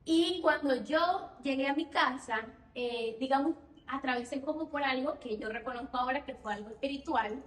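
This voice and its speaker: A young Venezuelan woman with a Venezuelan accent, giving an earnest personal testimony at church, often repeating her phrases and pausing on fillers. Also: sits high. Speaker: church speaker. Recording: echoey room heard from a distance.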